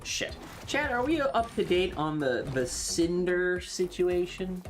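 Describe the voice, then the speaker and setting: A woman streams a game and chats casually, sweary and offhand. Her voice is on the low side, sing-song and slow, with soft background music.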